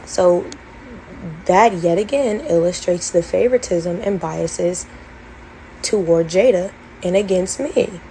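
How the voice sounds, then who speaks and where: A woman's voice: fairly low pitch, takes it slowly, mellow, a little hiss or hum, low-quality recording. A young woman earnestly recounting her college experience in a storytime vlog, detailed and full of fillers. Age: young adult. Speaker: former college band member telling her story.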